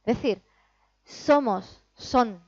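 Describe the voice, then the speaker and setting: A woman from Spain, explaining pronunciation as a teacher giving a talk, lively and demonstrating sounds. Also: on the high side, very slow, no echo, lo-fi sound. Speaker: Spanish teacher. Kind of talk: lecture to teachers.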